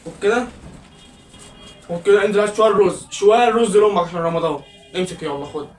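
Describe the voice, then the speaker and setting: A man's voice: high voice, fast, echoey room, distant mic, faint music behind, natural voice. A young man voicing a grumpy, stern middle-aged Egyptian father who scolds and grumbles in an Egyptian Arabic accent. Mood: grumbling scold. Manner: gruff, scolding, dismissive.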